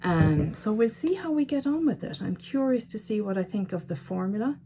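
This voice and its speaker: A woman's voice: mid-range voice, lively intonation, moderate pace, warm tone, slight background noise. A woman chatting casually to camera as a beauty vlogger, chatty and self-mocking, often talking to herself. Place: at home by a counter.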